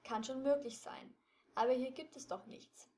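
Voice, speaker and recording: A woman's voice: high voice, fairly even intonation, normal speed, darkish tone, natural voice. A woman voicing a nervous, easily annoyed teenage boy detective who complains and frets. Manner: complaining, fretful.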